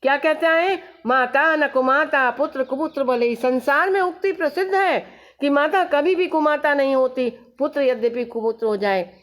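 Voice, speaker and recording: A woman's voice: high-pitched, moderate pace. A woman teacher explaining a poem line by line, reciting each verse and then paraphrasing it plainly. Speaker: Hindi teacher.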